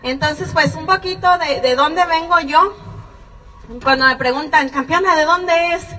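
A woman in her thirties, from Mexico, giving a slow, earnest and encouraging personal testimony. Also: sits high, pushed and bright, faint music behind. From Mexico (Jalisco and Colima). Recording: far from the mic in a reverberant hall.

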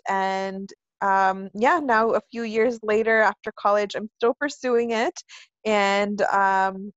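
A woman's voice: mid-range voice, a bit bright, dry recording. A woman in her twenties from California, answering interview questions about her work as an actress in a chatty, earnest way. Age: 20s. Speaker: guest actress. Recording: dull, dry lo-fi sound.

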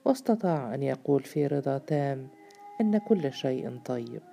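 A woman narrating a novel in a measured, literary reading. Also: extremely low pitch, expressive, gravelly, dark tone.

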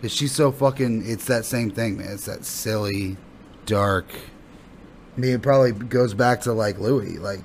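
A man's voice: on the low side, normal speed, a little hiss or hum. A male comedian being interviewed in a casual podcast chat, thinking aloud in rambling, sweary sentences. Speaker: stand-up comedian guest.

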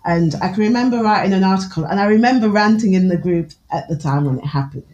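A woman's voice: mid-range voice, fast talker, a little mellow, muffled recording. Frank Newark-accented woman, laughing. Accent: Newark, English East Midlands. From England. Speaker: podcast guest, author and Obeah practitioner. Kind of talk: casual conversational interview.

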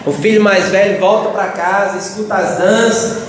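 A man with a Brazilian Portuguese accent preaching a sermon in a large church, telling the story with lively acted-out dialogue. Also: high voice, normal speed. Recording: echoey church hall from off-mic.

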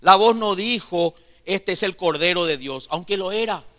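A male pastor delivers a fervent sermon, calling out to his brothers and sisters with question after question. His voice is bright and forceful and sits a little high. It rings with the long reverb of a large church hall. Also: moderate pace. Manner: preaching fervently, addressing listeners as brothers with rhetorical questions.

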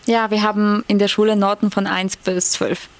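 A woman's voice: medium pitch, level tone, moderate pace. A young Ukrainian woman with an accent, talking earnestly in a casual podcast chat, sometimes searching for words. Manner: earnest, searches for words, small grammar slips. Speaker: podcast co-host.

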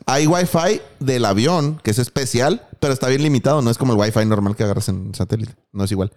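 A man's voice: medium pitch, fast talker, a little mellow, soft background music. A young man with a Mexican accent, telling a crude, slang-filled story in casual chat. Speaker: podcast co-host.

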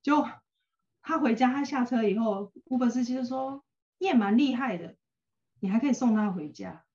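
A woman's voice: a little high, normal speed, lo-fi sound. Chatty Taiwanese woman telling a long story. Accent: Taiwanese Mandarin. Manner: long animated anecdotes, acts out quoted lines. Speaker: podcast co-host. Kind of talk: casual podcast chat, storytelling.

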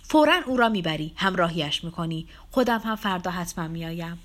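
A woman voicing an agitated older woman who scolds and fusses loudly, in an audiobook reading. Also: lowish voice, expressive. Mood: bossy. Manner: loud scolding, exclaiming. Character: agitated older woman, stern and fussing mother.

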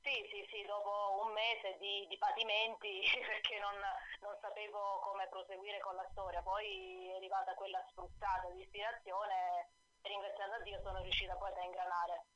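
A woman author calling in to a radio interview over the phone, hesitant, with many fillers and soft laughs. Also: medium pitch, flat delivery, moderate pace, slight background noise. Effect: voice heard over the phone. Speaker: author guest on a radio show. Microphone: telephone. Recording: dull, dry phone line.

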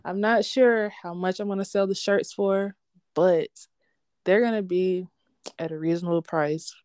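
Slangy young woman, smooth voice. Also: on the low side, measured pace, dry recording, clean studio sound. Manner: candid, slangy, animated storytelling. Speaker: sports podcast host being interviewed. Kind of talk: casual interview.

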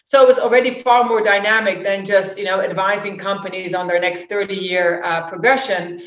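A woman's voice: mid-range voice, steady tone, normal speed, a bit bright. A woman in her forties, born in the UK, chatting as an interview guest in a rambling way with restarts. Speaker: guest, social entrepreneur and investor. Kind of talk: casual interview talk. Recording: roomy, dull remote audio.

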